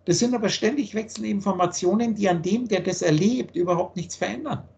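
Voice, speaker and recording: A man giving an earnest philosophical teaching monologue on a video call, slowing down to stress key points. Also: high-pitched, vocal fry, darkish tone. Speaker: spiritual teacher.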